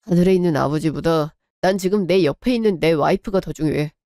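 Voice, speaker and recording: A woman's voice: fairly low pitch, fairly quick, dark tone, no room sound, studio quality, lightly acted. A woman voicing a young husband in a radio drama, pleading and apologetic toward his wife and her mother. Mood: firm.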